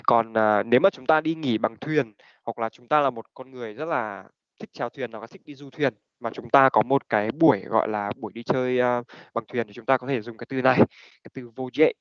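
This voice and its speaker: A man's voice: medium pitch, fairly quick. Man teaching English pronunciation, dull lo-fi sound. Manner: mixes Vietnamese and English, many fillers. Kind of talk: online English class. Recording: dull lo-fi recording.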